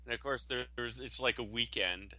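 A man's voice: mid-range voice, moderate pace, pushed and bright, no room sound, poor audio. A young man co-hosting a casual podcast chat, telling a long story with many restarts and fillers. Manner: rambling storyteller, full of restarts. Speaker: podcast co-host.

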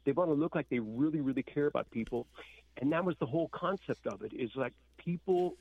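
A man's voice: on the high side, brisk. A man telling a story as a band guest in a casual interview, candid and acting out what people said. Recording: slightly dull, dry audio.

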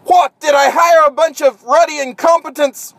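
A man doing a shrill, blustering scientist. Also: steady tone, normal speed, creaky, fairly bright tone, dry recording, exaggerated voice. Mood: outraged. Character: excitable cranky male scientist.

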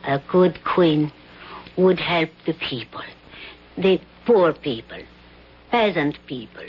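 An actress playing an earnest, devout peasant woman with a husky voice and simple, halting English in an old television drama. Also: sits low, lively intonation, heavily acted. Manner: simple, halting, pleading foreign-style English. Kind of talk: dated television drama acting. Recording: muffled old broadcast.

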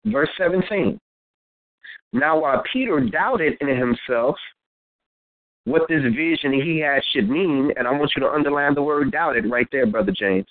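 A man's voice: a little high, animated, dry recording, narrow, tinny audio. A man reading Bible verses aloud and explaining them in a call-and-response Bible study. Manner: reads verses aloud slowly, then explains. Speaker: Bible teacher reading scripture.

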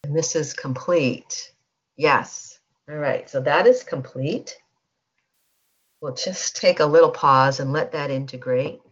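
This facilitator, slow and a bit bright at medium pitch, guides an energy-healing session in a soothing manner, asking listeners to repeat statements back. The audio comes through a dull lo-fi teleconference line.

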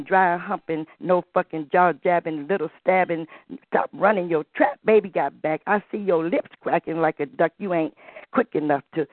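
A woman's voice: fairly low pitch, dry recording. A woman calling in to a show and performing, with a theatrical, campy, queenly manner. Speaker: caller and spoken-word performer. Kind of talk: phone-in chat and spoken-word performance. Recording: muffled dry phone-line audio.

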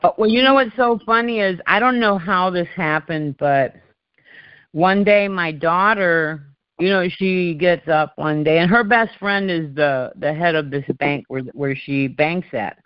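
A woman's voice: on the low side, measured pace, clear, resonant tone, no room sound. An older woman hosting a community call, chatting and telling stories and often repeating her words. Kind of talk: casual call-in chat. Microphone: call audio. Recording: muffled dry call audio.

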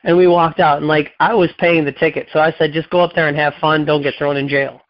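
A man's voice: a little high, flat delivery, fairly quick, no echo. Man, podcast guest telling a story, rambling with lots of fillers; dull, dry lo-fi recording. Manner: rambling, acts out quoted dialogue, many "um"s and "like"s. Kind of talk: casual storytelling.

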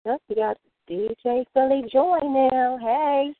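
A woman's voice: sits high, slow pace, no room sound. A woman caller on speakerphone whose phone line keeps breaking up. She chats in an easy, slightly unsure way and laughs a little as she introduces herself. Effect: on speakerphone over a phone line, breaking up. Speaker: caller to a poetry show. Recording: tinny call-in phone line, dry.

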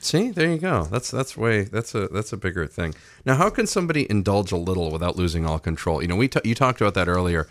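A hoarse man with a gravelly voice hosting a morning radio show, joking and reading plugs. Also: deep voice, sing-song, fast, few pauses, no room sound, clean studio sound. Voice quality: gravelly voice today. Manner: jokey, wisecracking. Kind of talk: casual radio talk with promo reads. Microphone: studio microphone.

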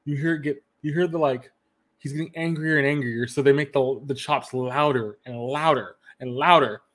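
A man hosting a casual anime review podcast eagerly retells scenes, quoting characters' lines and restarting often. His mid-range voice is fairly bright at a normal speed.

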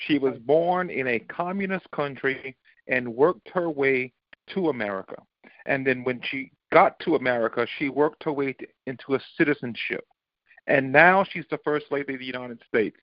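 A man makes his case on a political talk panel with force, restarting sentences as he goes. His voice sits a little higher than most men's. The recording is dry and dull, with a lo-fi edge. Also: no room sound. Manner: emphatic, argues with restarts.

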